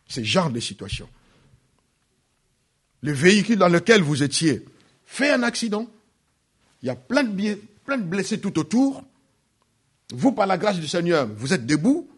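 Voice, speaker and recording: A man preaching a sermon, repeating phrases and swinging from loud peaks to hushed drops. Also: fairly high pitch, husky. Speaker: pastor.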